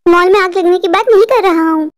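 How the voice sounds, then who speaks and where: Whiny scared husband for a cartoon, voiced by a woman, pitched very high, panicky. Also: a little fast. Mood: pleading. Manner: fretful, complaining, panicky. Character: frightened, whiny adult husband, mall owner. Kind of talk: cartoon voice acting.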